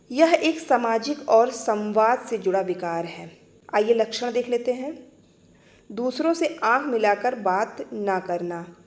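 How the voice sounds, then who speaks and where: A woman teacher explaining exam-prep material in a clear, patient way, restating each point. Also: fairly high pitch, darkish tone.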